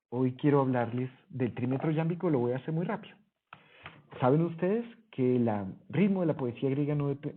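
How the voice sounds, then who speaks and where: A man teaching a Greek lesson over a screen recording, explaining patiently and correcting himself as he goes. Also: mid-range voice. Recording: husky voice, phone-like narrow sound.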